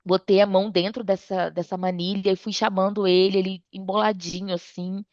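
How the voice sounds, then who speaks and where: A woman's voice: fairly quick, no echo. Woman telling a story. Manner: animated retelling, acts out dialogue with her mother. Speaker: guest storyteller. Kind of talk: casual storytelling. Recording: dull dry low-fidelity sound.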